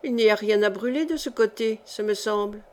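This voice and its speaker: A woman's voice: medium pitch, brisk, lightly acted. A woman voicing a vain, sceptical old male royal steward in an audiobook. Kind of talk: audiobook character reading.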